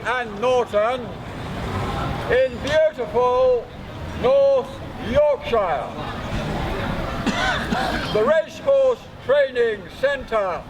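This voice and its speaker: High-voiced man calling as town crier. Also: very slow, long pauses. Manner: formal declaimed greeting in short phrases. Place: outdoors in a town. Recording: noisy outdoor recording with crowd, traffic.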